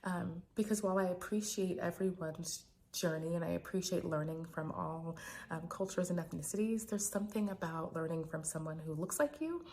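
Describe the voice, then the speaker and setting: An American woman in her thirties speaking quietly but clearly in a hesitant, reflective personal video diary as a physician vlogger. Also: fairly low pitch, moderate pace.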